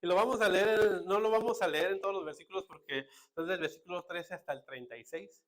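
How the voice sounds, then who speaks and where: A man's voice: high-pitched, a little fast. A man with a northern Mexican accent preaching a sermon as a pastor, in a casual, joking way full of rhetorical asides. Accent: northern Mexican Spanish.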